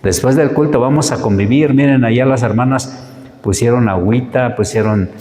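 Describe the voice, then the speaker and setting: A man with a Mexican accent preaching a sermon, animated, acting out short quoted exchanges and asking many rhetorical questions. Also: medium pitch, normal speed. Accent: Mexican Spanish. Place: church hall. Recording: echoey church hall with long reverb.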